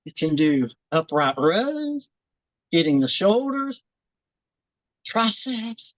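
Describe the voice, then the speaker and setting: A woman's voice: mid-range voice, big pitch swings, slow pace, dry recording, low-quality recording. Winded woman coaching a workout. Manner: encouraging, repeats "keep it simple, guys". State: out of breath. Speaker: fitness instructor. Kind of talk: workout demonstration and advice. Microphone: video call.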